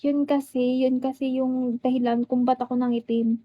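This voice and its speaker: A woman's voice: sits high, level tone, normal speed, slightly rough, lo-fi sound. A young woman with a Filipino accent chatting casually on a live stream and greeting viewers by name.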